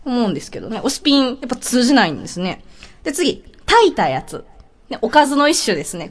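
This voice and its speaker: Chatty Kansai woman explaining. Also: mid-range voice. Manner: chatty, teacher-like, gives many examples. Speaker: podcast co-host. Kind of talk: casual explanatory talk.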